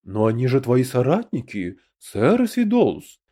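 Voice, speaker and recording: A man's voice: mid-range voice, sing-song, a little slow, warm tone, slightly rough. A male narrator voicing a portly, principled human emperor who speaks of himself as "we" in an audiobook. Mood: dignified.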